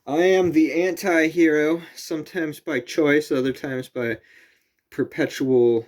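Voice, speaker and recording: A man's voice: fairly high pitch, fairly even intonation, measured pace. Rambling man vlogging outdoors at night. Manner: rambling, restarts and corrects himself. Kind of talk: casual rambling vlog. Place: outdoors at night near a camper on a hill.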